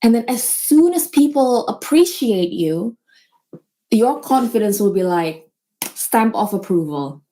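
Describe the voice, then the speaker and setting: In a low-quality recording, a woman business owner chats as an interview guest, earnest and motivational, with minor non-native grammar slips. Her fairly high voice is sing-song and warm, at a measured pace.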